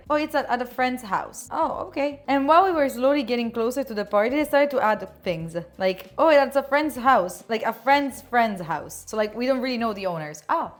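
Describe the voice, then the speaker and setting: A young woman in her twenties, chatting casually at home as a streamer, animated while she tells stories. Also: on the high side. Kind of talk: casual vlog storytelling. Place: home kitchen.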